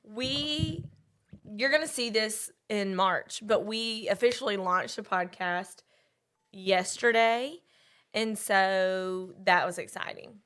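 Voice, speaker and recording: A woman co-hosting a podcast, chatting with her co-hosts in a quick, upbeat way with laughing asides. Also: mid-range voice, fairly bright tone, smooth. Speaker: podcast co-host. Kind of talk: casual chat among co-hosts.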